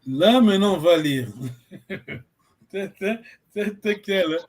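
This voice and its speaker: A man from Congo runs a relaxed language lesson in a high, light voice. He talks in a halting way, full of fillers and restarts, as he searches for the right word. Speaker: Kikongo language teacher. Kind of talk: informal online language lesson.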